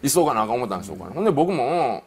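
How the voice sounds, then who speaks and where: A middle-aged man with a Kansai accent, spinning a comic tale at a rapid clip. His pitch leaps up and down as he mimics the people in his story, keeping the telling lively and animated. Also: husky. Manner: animated, acts out quoted voices, rapid delivery. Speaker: comedian telling an anecdote. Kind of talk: comic storytelling on a panel show.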